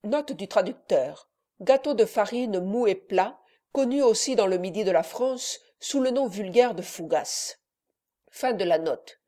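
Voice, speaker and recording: A woman reading a classic novel aloud as audiobook narrator, measured and expressive. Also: medium pitch. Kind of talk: scripted literary narration.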